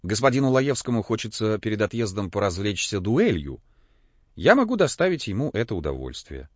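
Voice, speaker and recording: A man voicing a calm, contemptuous male zoologist who speaks in a cool, measured way. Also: lowish voice, husky, dry recording. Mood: cold calm. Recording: dull, dry lo-fi recording.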